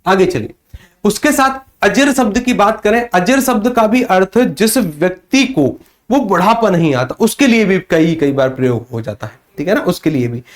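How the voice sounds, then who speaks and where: A man teaching Hindi in a live online class, who asks questions and answers them himself, often calling his students sir. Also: high voice. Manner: addresses students as sir, reads out chat comments.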